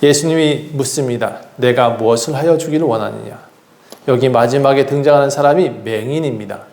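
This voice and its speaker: A man's voice: medium pitch, fairly quick, creaky, a little mellow, echoey room. A man preaching a sermon as pastor of his church, earnest, acting out the voices of people he quotes. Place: church sanctuary.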